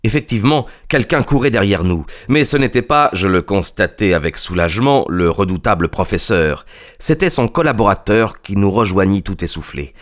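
A man reads a classic tale as narrator, in a measured and literary manner. His voice sits on the low side, steady and composed. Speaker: audiobook narrator. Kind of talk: scripted narration.

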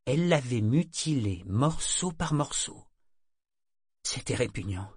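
Low-voiced man reading a novel. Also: slightly rough, no echo, clean studio sound. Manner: calm, measured reading. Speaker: narrator. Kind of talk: audiobook narration.

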